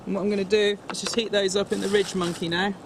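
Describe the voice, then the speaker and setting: A man with a high voice talks through a cooking demonstration one step at a time, chatty and instructive. His delivery stays level, without much rise and fall. The recording is noisy, with steady outdoor sound behind him. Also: fast talker. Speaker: cook demonstrating camp recipes. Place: outdoors at a fishing lake.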